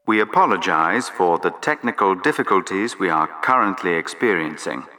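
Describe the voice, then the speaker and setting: A man reading scripted airport announcements in a formal, measured public-address manner for a listening exercise. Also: deep voice, lively intonation, sharp tone, in a large hall.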